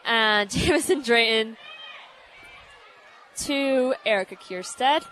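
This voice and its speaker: A woman's voice: fairly high pitch, takes it slowly, a bit bright, some chatter behind, a little hiss or hum, low-quality recording. A teenage girl from San Francisco doing chatty, giggly play-by-play commentary for a student broadcast. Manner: chatty, giggly, many fillers.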